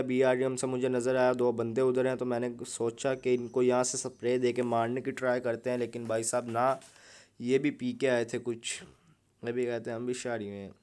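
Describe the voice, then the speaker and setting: A man's voice: medium pitch, a little mellow, smooth. A young man, giving casual, joking commentary over mobile gameplay. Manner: joking, chatty, keeps saying "bhai sahab". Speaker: gaming YouTuber.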